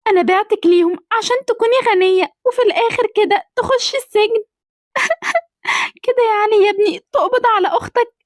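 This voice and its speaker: A woman's voice: extremely high pitch, a little fast, dry recording, clean studio sound. A woman voicing a poor, guilt-ridden birth mother in an amateur cartoon drama, lamenting and begging. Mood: distraught.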